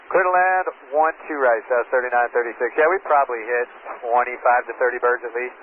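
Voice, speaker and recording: An airline pilot answers the tower in calm, terse radio phrases, delivered at a fast clip. His mid-pitched voice is squeezed through a tinny cockpit radio. Faint static hiss and bursts break around his transmissions.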